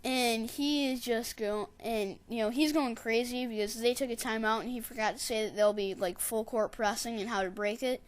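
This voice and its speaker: A woman casually narrating her gameplay in a rambling, digressive way, and getting excitable when she tells a story. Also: fairly high pitch, normal speed, few pauses. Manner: excitable, shouts catchphrases when retelling. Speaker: gameplay commentator.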